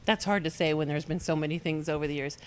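Low-voiced fast-talking woman auction worker. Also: fairly even intonation, smooth. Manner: explanatory, chatty, laughs easily. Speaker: auction house staff, apprentice auctioneer. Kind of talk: casual interview answers.

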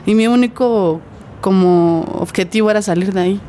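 A woman's voice: medium pitch, moderate pace, warm tone, slight background noise. A woman with a Mexican Spanish accent, an interview guest giving an earnest personal testimony and vividly acting out what others said.

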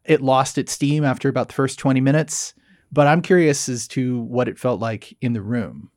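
A man co-hosting a tech podcast, calmly explaining technical details in a measured, nerdy way. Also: medium pitch, no echo, studio quality. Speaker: podcast co-host. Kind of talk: casual tech podcast chat.

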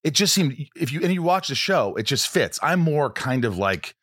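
A man in his late forties hosting a podcast, chatting casually and telling stories in an animated, joking way. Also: a little high, moderate pace, no room sound, studio quality. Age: 40s. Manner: animated, jokey storytelling. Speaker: podcast host.

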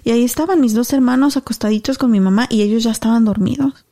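A woman's voice: fairly high pitch, quick pace. A woman in her thirties, a podcast co-host, telling a story casually and acting out the voices of the people in it. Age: 30s. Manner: animated storyteller, acts out dialogue.

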